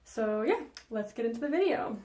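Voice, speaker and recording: With a warm, animated voice on the high side, a young vlogger from Denmark, raised speaking Danish, takes viewer questions at a normal pace. The casual Q&A vlog sounds reverberant and is full of ums and likes.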